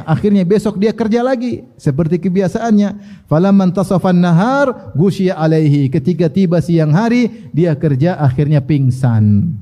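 A man preaches with a fairly high voice that still sounds mellow and warm. He tells the story lively, recites Arabic lines and translates each one, and throws questions at his listeners. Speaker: Islamic preacher. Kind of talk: religious study lecture.

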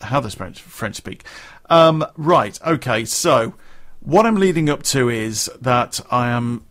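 A man's voice: mid-range voice, expressive, takes it slowly, a bit bright. A man vlogging to his viewers in a casual, rambling way. He swears freely and often restarts his sentences. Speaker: gaming vlogger.

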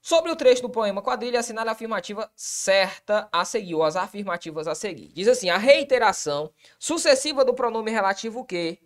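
A woman with a Brazilian Portuguese accent, teaching grammar for exam prep in a lively way, asking quick questions and answering them herself. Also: mid-range voice.

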